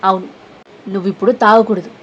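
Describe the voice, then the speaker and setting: A woman's voice: mid-range voice, fairly even intonation, fairly quick, muffled recording, slight background noise, lightly acted. Woman voicing a defiant scolding young woman. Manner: sharp scolding tone.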